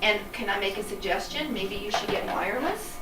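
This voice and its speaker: A woman's voice: mid-range voice, lively intonation, brisk, a bit bright, soft background music. A woman giving a casual, chatty how-to demonstration as an organizer, speaking off the cuff. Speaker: professional organizer and presenter. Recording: echoey room, distant mic, clear noise.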